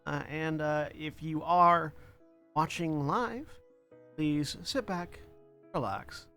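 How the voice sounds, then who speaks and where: A man with a slightly raised pitch and a bright, forceful tone opens a live show in a casual way. His audio keeps cutting in and out, so his volume rises and falls unevenly. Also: slow pace, clean tone, soft background music. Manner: casual, thanks supporters. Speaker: executive producer and player. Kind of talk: live-stream show intro.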